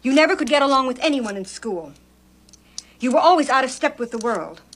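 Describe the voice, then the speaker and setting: A woman's voice: high voice, lively intonation, brisk, a bit bright, a little hiss or hum. A woman playing a former classmate who bluntly reproaches an old schoolmate. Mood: reproachful.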